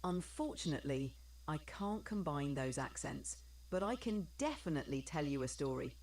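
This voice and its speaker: A synthetic woman's voice, pitched low, speaks as an AI assistant. She stays upbeat and agreeable and tells stories smoothly, slipping in slang. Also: lively intonation, normal speed, recorded from a distance, heavy background noise.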